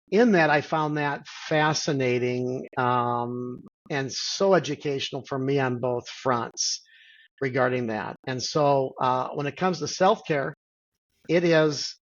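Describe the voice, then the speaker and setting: A middle-aged man, a physician guest, explaining things in a measured way with many pauses and "and so" fillers over a video call. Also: fairly high pitch, highs cut off. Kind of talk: interview answer.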